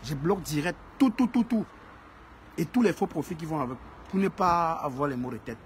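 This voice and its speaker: Male live-stream host with a high-ish voice: emphatic, casual, chats to viewers and repeats himself for stress, faint background noise. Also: lively intonation, fairly quick. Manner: greets and answers viewers by name.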